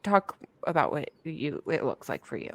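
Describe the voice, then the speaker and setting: A woman co-hosting a podcast in casual chat, playful and quick to laugh. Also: low-pitched, sing-song, vocal fry. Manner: giggly, chatty, playful. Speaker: podcast co-host.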